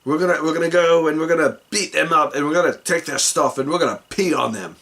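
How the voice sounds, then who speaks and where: A man's voice: on the high side, fast talker, a bit bright, voice pushed up. A man voicing an ugly, scheming male goblin chieftain who gives rousing, blustering speeches.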